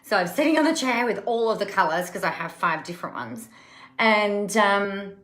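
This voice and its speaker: A woman's voice: medium pitch, lively intonation, normal speed, a bit bright. A woman, hosting a casual live stream as a coach, chatty and emphatic, repeating words for effect. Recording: echoey room.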